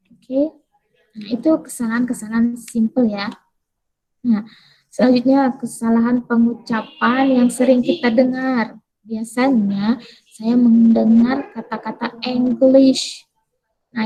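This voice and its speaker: A woman teacher gives a casual English pronunciation lesson. Her voice sits a little high and mellow, with some husky breath in it. She asks her own questions, answers them, and says the key words again slowly. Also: rough recording. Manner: explains words, then repeats them slowly.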